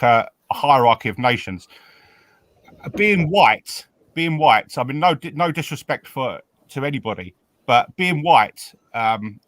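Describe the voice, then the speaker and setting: A man from England talks in a relaxed group chat, often stopping and repeating words as he works out his thoughts. He sits close to a dry-sounding mic with no room echo. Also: mid-range voice. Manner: halting, repeats words while thinking.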